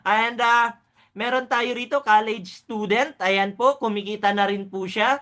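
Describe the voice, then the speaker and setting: A woman's voice: on the high side, fairly even intonation, measured pace, a bit bright. A woman presenting a business orientation, upbeat and hyped, often asking her audience "di ba?". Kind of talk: sales presentation.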